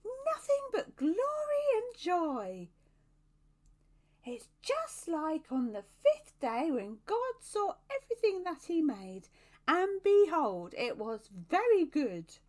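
A woman voicing an excitable male cherub angel in a storybook reading, with high, drawn-out exclamations. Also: full character voice. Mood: exultant.

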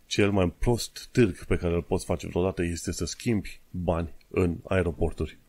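Deep-voiced podcast host. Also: male voice, steady tone, a little mellow, no echo. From Romania. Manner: explains pronunciation, drawing out and repeating words. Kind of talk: casual podcast monologue.

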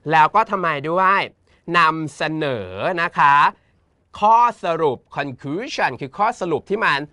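A man with a Thai accent teaching an English exam lesson in a playful, teasing, campy way, reading the English options slowly. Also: a little high, expressive, sharp tone, no room sound, studio quality. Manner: campy, teasing, uses feminine polite particles.

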